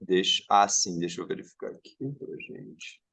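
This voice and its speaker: A man's voice: deep voice, normal speed, vocal fry, a bit bright, breathy edge. A man organizing an online academic session, checking details aloud as he goes. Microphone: video call.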